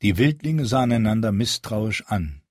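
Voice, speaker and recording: A man narrating an audiobook in measured storytelling. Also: fairly low pitch, expressive, a little mellow, breathy edge, dry recording, clean studio sound. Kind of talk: scripted narration.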